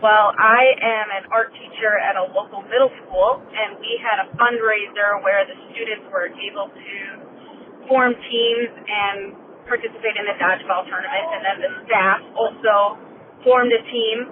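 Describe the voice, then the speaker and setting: A woman's voice: mid-range voice, steady tone, normal speed. A woman, a middle school art teacher, talking in a chatty, self-deprecating way in a voicemail played back over a phone line. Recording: tinny phone voicemail with background noise.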